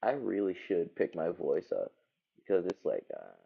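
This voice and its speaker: A man speaks in a low voice thick with gravelly vocal fry. He rambles casually, as on a livestream, thinking aloud while he works. The sound is slightly muffled and dull. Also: big pitch swings, moderate pace. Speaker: livestreaming animator.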